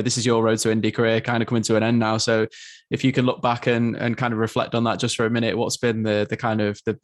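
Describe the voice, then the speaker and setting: Fast-talking podcast host, dry close sound. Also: male voice, mid-range voice, no room sound. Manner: rambling questions full of fillers. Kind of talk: podcast interview questions.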